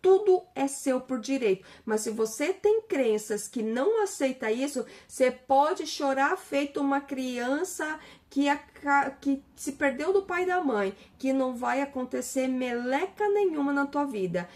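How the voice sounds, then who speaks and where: Chatty woman with a slightly high voice. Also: animated, a little slow, hardly any pauses, a little mellow. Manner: chatty, retells dialogues, many restarts and fillers. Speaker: spiritual talk host. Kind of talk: casual spiritual monologue.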